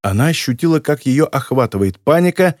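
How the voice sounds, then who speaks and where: A man reading a novel aloud as an audiobook narrator, with expressive delivery. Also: on the high side, a little fast, no echo, studio quality. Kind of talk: scripted narration.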